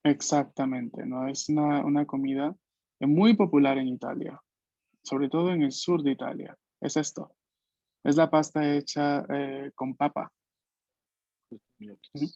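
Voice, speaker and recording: A man with a slightly raised voice teaches a class over a video call, explaining each point slowly and checking in with his listeners as he goes. The sound is dry and a little dull, with no room echo at all. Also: a little high, steady tone, vocal fry, dark tone. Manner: patient, explanatory, frequent "¿no?" tags. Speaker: language teacher.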